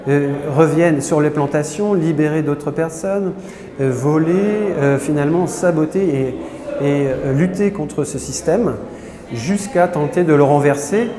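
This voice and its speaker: A man's voice: on the high side, unhurried. A man explaining history at an exhibition, hesitant, with many filler sounds and restarts. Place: indoor exhibition gallery. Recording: echoey hall with crowd behind.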